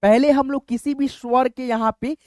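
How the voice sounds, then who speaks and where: A man's voice: extremely high pitch, fairly even intonation, moderate pace, a little mellow, no echo. A man teaching a step-by-step lesson, repeating "friends" often as he talks the class through each point. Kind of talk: explanatory lesson.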